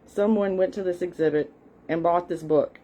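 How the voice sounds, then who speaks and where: Her lowish, warm voice keeps fairly even intonation at a moderate pace, though the audio is poor with slight background noise. She's a Southern woman of at least late forties, a history hobbyist host at home with a cat nearby. Casually rambling with many fillers and apologies, she shows viewers a page from a book and walks through its pictures.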